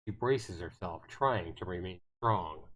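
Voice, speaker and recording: On a livestream with guitar music playing, a man reads visual novel narration aloud dramatically, stumbling now and then. His voice is low and a bit bright, animated but at a measured pace.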